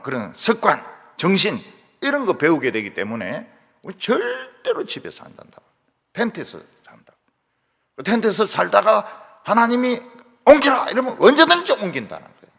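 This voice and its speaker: A male pastor with a Gyeongsang accent delivers a sermon from the pulpit. His voice is husky and gravelly and sits a bit high, and his pitch leaps around as he acts out the voices in his stories. A long reverb from the church hall trails every phrase. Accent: Gyeongsang Korean. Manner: animated storytelling, acting out quoted voices. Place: church sanctuary.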